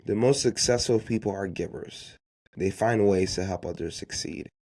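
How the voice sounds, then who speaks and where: A man with a lowish, somewhat dark voice hosts a podcast at a moderate pace, offering unscripted motivational business advice. Haitian Creole was his first language, and he emphatically repeats key phrases and poses rhetorical questions.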